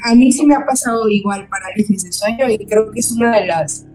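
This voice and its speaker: A woman's voice: medium pitch, a little fast, warm tone, soft background music, low-quality recording. A woman host in casual conversation, attentive, answering with short affirmations and explanations.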